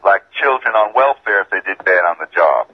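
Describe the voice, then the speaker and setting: A man from Georgia calling in to a radio show, insistent and calmly argumentative, his voice tinny and metallic over a bad phone line. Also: deep voice, a little fast, breathy edge. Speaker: caller. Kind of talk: call-in radio caller.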